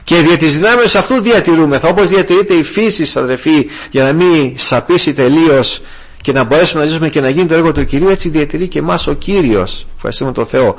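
A man's voice: on the high side, breathy edge. An older man preaching a sermon with fervor, calling his listeners brothers. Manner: fervent, addresses listeners as brothers.

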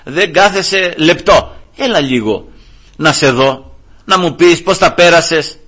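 A fond father gently coaxes his restless child to come and talk with him, as a preacher plays him. His husky voice sits high and unhurried. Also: expressive. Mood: coaxing. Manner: coaxing, gentle.

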